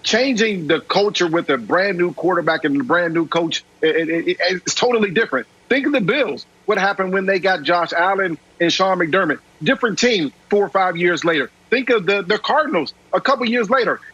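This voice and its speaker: A man on a sports debate show laying out his argument point by point in a steady, persuasive way, heard over a remote line. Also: sits high, brisk, few pauses, breathy edge, lo-fi sound.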